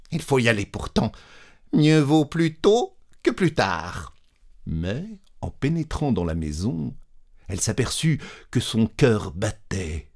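A man reads a story aloud in a lowish voice that rises and falls expressively. He takes a slow, deliberate pace, shaping each phrase. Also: darkish tone. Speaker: narrator. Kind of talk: scripted audiobook narration.

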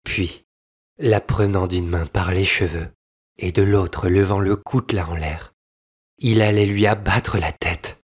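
A man narrating a storybook fairy tale with a husky voice, in slow, expressive storytelling. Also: low-pitched. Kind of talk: storybook reading.

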